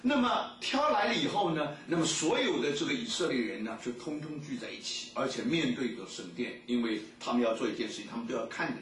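A man preaching a sermon and reading scripture aloud, telling the story in a lively way and stretching out his filler words. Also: medium pitch, fast, hardly any pauses, slight background noise. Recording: echoey room, mic at a distance.

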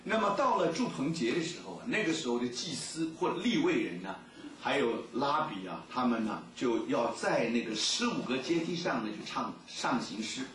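Guy preaching a sermon, pitch jumping all over, sounds far from the mic. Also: slight background noise. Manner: lively storytelling, many drawn-out fillers. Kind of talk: sermon with Bible reading. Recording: echoey room, mic at a distance.

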